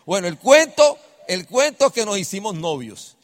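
Middle-aged guy, high voice, animated storytelling to an audience. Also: normal speed, long reverb tail. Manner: animated, addresses the audience directly. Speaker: speaker at a live event.

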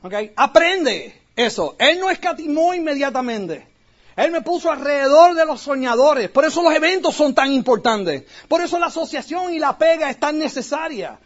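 A man from Puerto Rico with a Puerto Rican accent, giving an animated storytelling talk to an audience as a motivational speaker. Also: very high-pitched, normal speed. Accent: Puerto Rican Spanish. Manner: animated, acts out quoted voices. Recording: dull lo-fi recording.

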